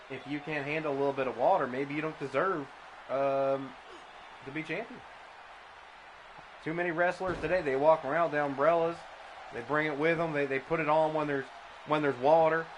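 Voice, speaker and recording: Guy doing goofy deadpan wrestling commentary, stumbles over words, noisy background. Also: on the high side, moderate pace. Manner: deadpan absurd banter, stammering restarts. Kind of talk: comedic play-by-play commentary.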